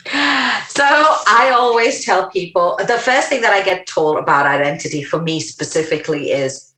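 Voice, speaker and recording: A woman guest in a conversational interview, speaking English with a mixed Indian, American and Australian accent, animated, laughing often and restarting sentences. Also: medium pitch, normal speed, reverberant, poor audio.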